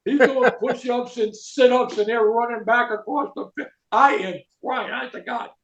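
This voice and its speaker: An older man, a retired football coach, telling rambling, animated stories in a podcast interview and tagging lines with "right?" and "okay?". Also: very high-pitched, moderate pace, over a noisy crowd. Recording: echoey room, dull lo-fi sound.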